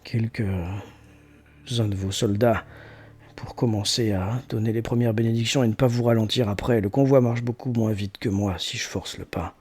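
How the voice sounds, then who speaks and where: A man's voice: on the low side, fairly even intonation, moderate pace, a little mellow, slightly rough. A man playing a devout, respectful priest in a tabletop fantasy game, speaking formally and deferentially. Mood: earnest, deferential.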